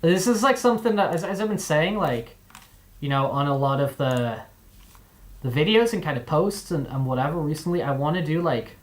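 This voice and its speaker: A man's voice: fairly high pitch, lively intonation, moderate pace. A young man with a mixed, displaced accent, chatting casually on a live stream, rambling with many fillers and restarts.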